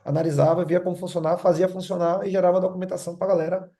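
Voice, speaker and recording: A man's voice: sits high, level tone, rapid-fire, creaky, dark tone. A middle-aged man with a Bahian Portuguese accent, mixed with São Paulo speech, telling his story in a casual group chat. He rambles and tags nearly every phrase with "né?". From Brazil, born in Rio, raised in Salvador.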